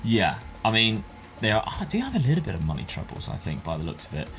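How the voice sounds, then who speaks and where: With a fairly low, fairly bright voice, this gaming host speaks fast and swings his pitch dramatically. He narrates and chats informally over a football management game while faint music plays behind him.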